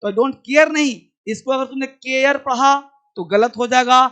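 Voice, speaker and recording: A man's voice: extremely high pitch, a little slow, sharp tone, clear, resonant tone. A man teaching an online English pronunciation class, repeating each point and quizzing his students affectionately. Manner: repetitive, drilling and quizzing students; affectionate, calls students child.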